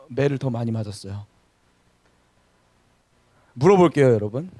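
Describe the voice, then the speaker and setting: High, animated male pastor preaching. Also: no echo. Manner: engaging, asks the congregation questions, humorous storytelling. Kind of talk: sermon. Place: church service.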